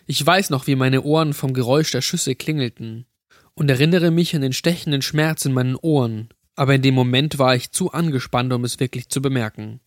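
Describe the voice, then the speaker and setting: Ein Mann liest trocken eine Gruselgeschichte vor. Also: male voice, mid-range voice, brisk, no room sound, clean studio sound. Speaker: narrator. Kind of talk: scripted horror story reading.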